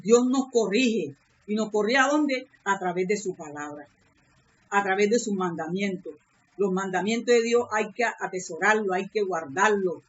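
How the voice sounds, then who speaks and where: A woman's voice: mid-range voice, normal speed, muffled recording, a little hiss or hum. A woman pastor preaching a sermon with earnest repetition, calling out praise words between points. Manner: earnest preaching, repeats phrases, calls out "aleluya".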